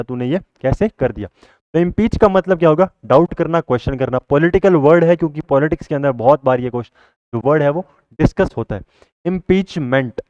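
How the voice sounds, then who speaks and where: A man's voice: fairly high pitch, a little mellow, dry recording, dull audio. A male teacher giving a vocabulary lesson. He keeps asking the class a question and then answering it himself.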